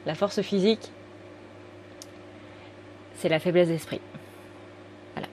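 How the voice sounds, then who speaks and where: Chatty tarot-reading woman, lower voice, rambling and self-correcting; faint hiss behind. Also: slow pace, mellow. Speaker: tarot card reader. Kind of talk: casual spoken tarot reading.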